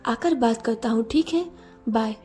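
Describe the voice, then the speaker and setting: A woman voicing an affectionate, teasing young husband in a narrated storybook romance, in a gentle, coaxing manner. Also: a little high, measured pace, faint music behind, natural voice.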